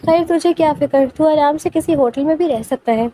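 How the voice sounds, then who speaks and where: A woman's voice: high-pitched, mellow, slight background noise, lightly acted, low-quality recording. Woman reading as a teasing young buddy. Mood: teasing casual. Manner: teasing, casual. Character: joking young male friend, teasing.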